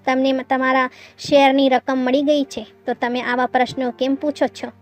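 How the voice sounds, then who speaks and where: A woman reading as a calm young disguised policeman. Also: high voice, moderate pace, soft background music, close to an everyday voice. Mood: explaining.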